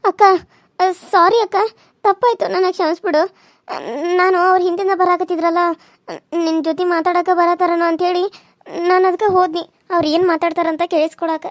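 An earnest young village woman, voiced by a woman in a cartoon serial, speaking with a North Karnataka accent. She coaxes and apologizes in a very high voice, recorded dry and close. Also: flat delivery, a little fast, long pauses, dry recording. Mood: apologetic. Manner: coaxing, apologetic.

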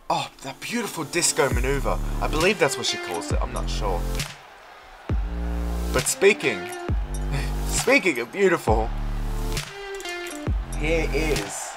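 Slow-talking excitable male game commentator. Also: on the high side. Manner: excitable, bursts into shouts on big moves, rambling asides. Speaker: wrestling commentator for a video game. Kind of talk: casual play-by-play commentary. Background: game music.

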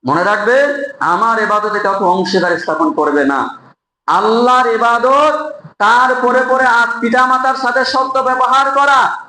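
High, bright-voiced preacher in an echoing hall. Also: male voice. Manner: emphatic, asks rhetorical questions, recites verses in a drawn-out chant. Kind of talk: Friday sermon. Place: mosque hall with a congregation. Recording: echoey hall.

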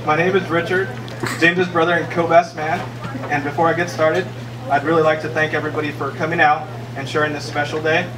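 A nervous young best man reads his toast from a page into a handheld microphone in a big indoor wedding tent, chuckling at his own jokes between lines. He speaks fairly quickly in a slightly high voice with little pitch movement, heard far from the mic in an echoey space amid crowd noise.

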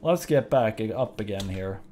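Lively man playing a video game. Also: on the low side, a little slow, slight background noise. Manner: playful, chatty, laughs often. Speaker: gaming YouTuber. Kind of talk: let's play commentary, reading game dialogue aloud.

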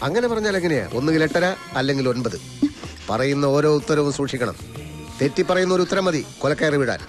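A man's voice: fairly high pitch, lively intonation, fast talker, soft background music, natural voice. A middle-aged actor with a Malayali accent playing a sarcastic, officious male police commissioner in a film comedy-drama. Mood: stern.

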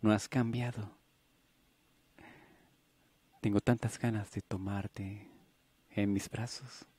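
A man's voice: on the low side, flat delivery, unhurried, warm tone, husky, no room sound. A man voicing a bubbly, impulsive young woman nurse in an audiobook, alternating teasing and wistful tones. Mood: tender.

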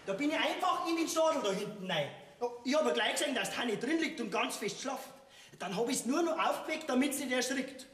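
An actor playing an unbothered, mocking rescue worker. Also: male voice, extremely high pitch, lively intonation, fairly bright tone. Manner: unbothered, mocking, slow drawl. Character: laid-back Bavarian rescue man. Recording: echoey stage sound.

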